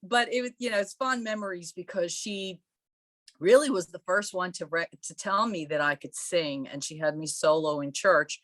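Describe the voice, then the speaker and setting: In this casual podcast interview, the guest is a musician born in Croatia who spins her stories with warmth and laughter. She speaks at a moderate pace in a fairly low pitch, with no room sound.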